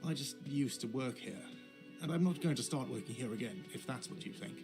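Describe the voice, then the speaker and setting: A man's voice: medium pitch, lively intonation, brisk, over music, lightly acted. A man playing a grumpy cafeteria manager. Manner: curt, irritable, defensive. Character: grumpy male cafeteria manager, petty about money. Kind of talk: video game voice acting.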